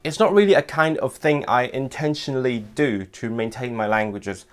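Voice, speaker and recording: Speaking straight into his webcam from a small room at home, a young man who hosts a language vlog explains things animatedly, his hands moving as he talks. English isn't his first language; his pitch is average and his pace normal. The talk is casual and scripted, with soft music playing faintly behind him.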